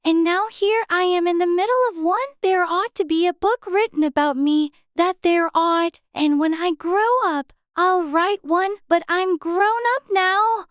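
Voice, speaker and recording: A man's voice: extremely high pitch, measured pace, few pauses, fairly bright tone, no room sound, clean studio sound, voice pushed up. A man voicing Alice, a curious, polite little girl who chatters to herself in a prim, wondering way.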